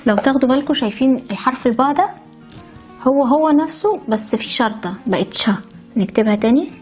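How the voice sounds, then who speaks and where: A woman's voice: high voice, fast talker, a little mellow, soft background music. A woman with an Egyptian Arabic accent teaches how to write letters. She explains step by step and cheerfully adds chatty stories along the way. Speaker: language teacher. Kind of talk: handwriting lesson with chatty asides.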